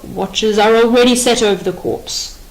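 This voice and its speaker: A woman's voice: on the high side, normal speed, a little mellow, close to an everyday voice, rough recording. A woman reading the part of a male chorus of city elders in an audiobook play, formal and respectful toward the king. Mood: deferential.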